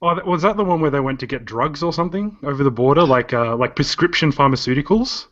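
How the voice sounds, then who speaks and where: A podcast guest with a lively, swinging voice that sits slightly high. He chats playfully and tells jokes, and his voice comes through a dull, lo-fi recording. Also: fast talker. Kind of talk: casual podcast chat. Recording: dull lo-fi sound.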